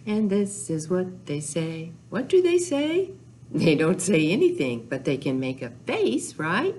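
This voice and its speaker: With a fairly low, darkish voice and huge pitch swings, an older woman librarian leads a children's storytime at an unhurried pace. She uses a simple, repetitive sing-song style for young children, with rhymes, counting and songs, in a small room with a whiteboard. A little hiss or hum is audible.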